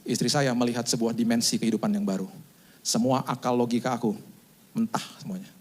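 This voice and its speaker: A man's voice: medium pitch, fairly even intonation, brisk, a little mellow. A middle-aged man, a pastor, giving a sermon with a personal story, acting out scenes with laughing asides.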